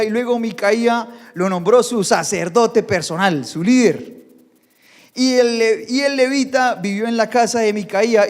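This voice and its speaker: A male pastor preaching a sermon, animated and acting out the voices he quotes. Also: sits high. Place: church. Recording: church hall reverb.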